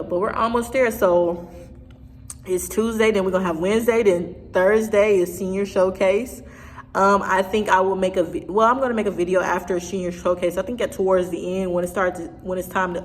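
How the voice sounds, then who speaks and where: A woman in her twenties talking casually to her viewers in a rambling vlog, often restarting and trailing off. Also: lowish voice. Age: 20s. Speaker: vlogger. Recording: distant hall reverb, faint noise.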